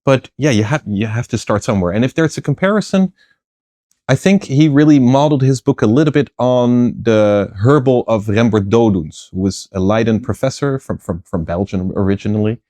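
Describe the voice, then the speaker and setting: In a mid-range, mellow voice at normal speed and without echo, a middle-aged man explains things at length as an interview guest. He is a plant philosopher, thoughtful in his conversational answers, often using fillers and restarting, and he laughs lightly.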